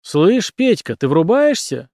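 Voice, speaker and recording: A man reading an audiobook and voicing an excitable, irritable film director who snaps and yells. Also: high-pitched, a little fast, no room sound, studio quality, voice pushed up. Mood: excited. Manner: shouting, snapping.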